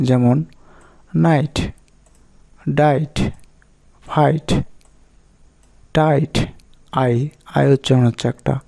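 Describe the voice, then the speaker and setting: Bengali-speaking male teacher, methodical; gravelly voice, mellow tone. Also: medium pitch. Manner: steady, methodical, lists examples one by one. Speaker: English teacher. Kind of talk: explaining pronunciation rules.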